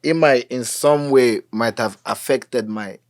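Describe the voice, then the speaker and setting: The studio-quality, dry recording captures a young Nigerian musician's medium-pitched, unhurried voice and Nigerian accent. As an interview guest he chats in a relaxed way, switching into Pidgin and sprinkling in "you know" often.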